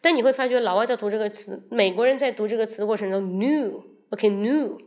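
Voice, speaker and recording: A woman from China hosting a casual livestream English lesson, chatting with viewers, switching between Chinese and English and slowly repeating words to show how they sound. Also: on the high side, darkish tone. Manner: addresses viewers directly and invites questions.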